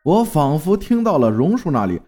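A man's voice: a little high, very animated, moderate pace, noisy background. A man from Fujian narrating a folk tale in a dramatic storytelling manner. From Fujian, China.

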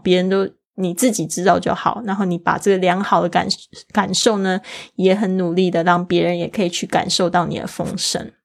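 A woman's voice: on the low side, gravelly. Woman teaching English pronunciation, patient. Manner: explains patiently, spells words letter by letter. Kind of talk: casual language lesson.

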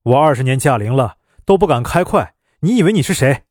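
A man voicing a short-tempered middle-aged ambulance driver with a gruff, sharp-tongued manner, in a storybook reading. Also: medium pitch, expressive, brisk, no room sound, studio quality, lightly acted. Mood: scornful.

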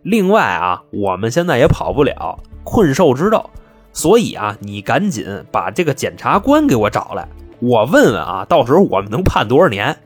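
A man voicing a cocky male bank robber boss who talks gruff and blunt. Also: medium pitch, wildly swooping pitch, moderate pace, faint music behind. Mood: swaggering. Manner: gruff, blunt northern street talk.

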